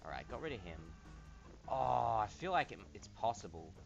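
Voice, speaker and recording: A man giving casual gameplay commentary, chatting and thinking aloud, with bursts of excitement. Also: medium pitch, normal speed, gravelly. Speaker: let's play gamer. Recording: dull lo-fi voice with game music behind. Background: video game music.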